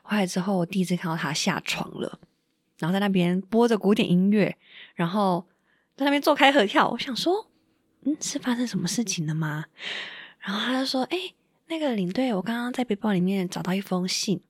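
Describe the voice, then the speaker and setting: A woman's voice: mid-range voice, expressive, fairly quick, husky, no room sound, clean studio sound. A woman telling a personal story on a podcast, emotional and full of fillers and quoted dialogue. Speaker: podcast guest. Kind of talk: casual storytelling.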